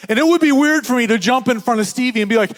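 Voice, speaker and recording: An older man preaching at a conference, swinging from loud urgent passages to hushed, almost whispered ones. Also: extremely high pitch, rapid-fire. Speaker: pastor. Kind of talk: conference sermon. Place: large hall at a conference. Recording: reverberant hall.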